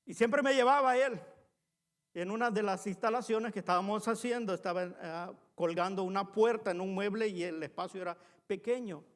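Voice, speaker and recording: A man's voice: high voice, normal speed. A male pastor preaching a sermon in a church, talking earnestly and conversationally, weaving in personal stories and addressing the congregation as brothers. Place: church sanctuary. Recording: long hall reverb.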